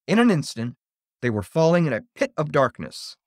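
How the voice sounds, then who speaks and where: A man reading a spooky children's story aloud, in an expressive, theatrical way. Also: on the high side, moderate pace, dry recording, studio quality.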